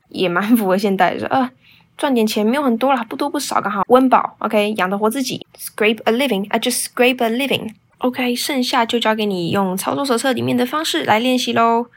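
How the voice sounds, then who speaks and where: A fairly high-voiced woman runs a bilingual English speaking lesson as its host. She reads English sample answers slowly and carefully. Then she switches to brisk explanations of pronunciation and phrases. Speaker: English teacher and podcast host.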